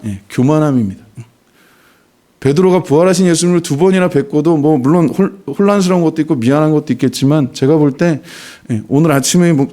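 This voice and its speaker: A man's voice: on the high side, dark tone. A male pastor giving a sermon in a conversational way, often dropping short affirming fillers between phrases. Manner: conversational preaching, frequent "예" fillers.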